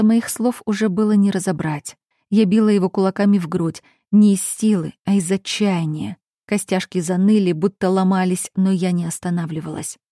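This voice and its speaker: A woman reading a romance audiobook in the first person. Her reading is intimate and expressive, with a warm, mellow tone. The recording is dry and close, with no room sound. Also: mid-range voice, no room sound. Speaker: audiobook narrator.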